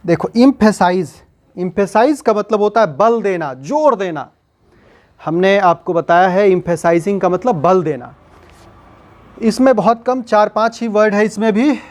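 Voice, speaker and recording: Slow, high-voiced grammar teacher. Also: male voice, darkish tone. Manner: slow, repeats and quizzes with rhetorical questions. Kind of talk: spoken grammar lesson.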